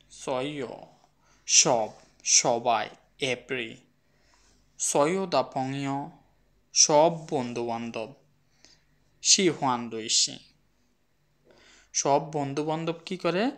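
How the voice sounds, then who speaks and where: A man gives a language lesson at a slow, deliberate pace. He explains step by step, asks his students questions and repeats each example so they can follow. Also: medium pitch. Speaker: language teacher.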